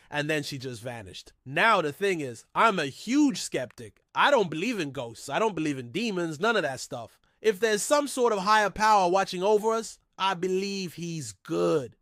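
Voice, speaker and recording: This high-pitched, slightly bright male voice belongs to the host of a mystery storytelling channel. Recorded dry and clean in a studio, he muses informally and conversationally, frequently throwing out rhetorical questions.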